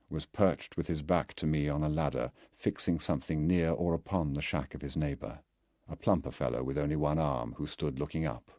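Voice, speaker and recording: A man reading a literary novel aloud as an audiobook narrator, in a measured, deliberate way. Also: rumbling low, dark tone, dry recording, studio quality.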